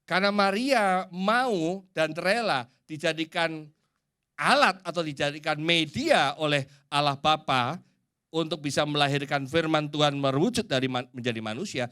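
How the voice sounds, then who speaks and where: A man with an Indonesian accent preaching a sermon in a church, swinging from loud and emphatic to hushed. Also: fairly high pitch, smooth.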